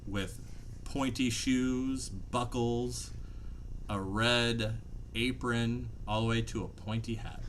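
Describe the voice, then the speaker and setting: A man narrating a tabletop fantasy game as game master, telling it dramatically with pauses. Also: mid-range voice, steady tone. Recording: faint background room noise.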